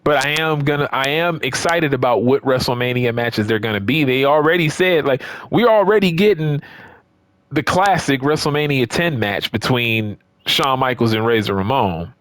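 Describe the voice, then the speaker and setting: In a relaxed, improvised vlog, a gaming YouTuber addresses his viewers at a moderate pace, his mid-range voice fairly bright and recorded without room sound. He drives points home by repeating phrases and often checks in with his audience.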